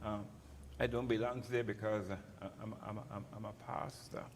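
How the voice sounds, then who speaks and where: A man's voice: on the low side, steady tone, normal speed. A man with a Crucian Virgin Islands accent, a pastor speaking candidly in an informal, down-to-earth way. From St. Croix, Virgin Islands. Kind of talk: candid personal talk. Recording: reverberant hall with background noise.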